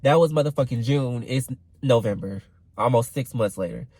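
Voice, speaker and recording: A man's voice: mid-range voice, moderate pace, a little mellow, no room sound, poor audio. A young man in his twenties venting in a casual vlog rant, rambling with fillers and swearing freely. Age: 20s. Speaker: vlogger.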